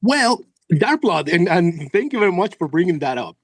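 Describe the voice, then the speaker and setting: A man's voice: high voice, sing-song, moderate pace, breathy edge, dry recording. A man from Mexico with a Mexican accent, a Spanish native speaker, giving rambling, enthusiastic interview answers as a comic book publisher.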